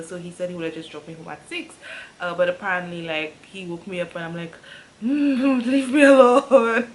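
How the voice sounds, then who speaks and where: A young woman in her twenties telling a lively storytime to her vlog viewers, laughing often as she talks. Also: fairly low pitch, a little hiss or hum, rough recording. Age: young adult. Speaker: YouTuber.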